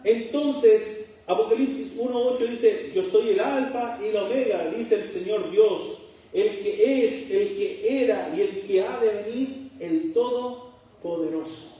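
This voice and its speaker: A man's voice: high-pitched, measured pace, warm tone. A middle-aged man from Chile with a Chilean accent, preaching a sermon and putting rhetorical questions to his congregation with joking asides. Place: church hall. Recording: very echoey room, mic far off.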